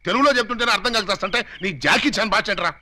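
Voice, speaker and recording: An actor playing a commanding, theatrical elder who scolds and gives orders, in a film comedy scene. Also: male voice, sits high, rapid-fire, pushed and bright. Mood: scolding.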